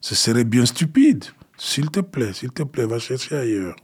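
A man voicing a cheerful storybook grasshopper with a shrill voice. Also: very animated, normal speed, darkish tone, husky. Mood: dismissive.

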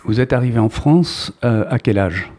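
A man's voice: medium pitch, expressive, moderate pace, a little mellow, slight background noise. A man hosting a local radio interview show, introducing his guest formally and asking questions with some hesitation. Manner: formal presenter, with some fillers.

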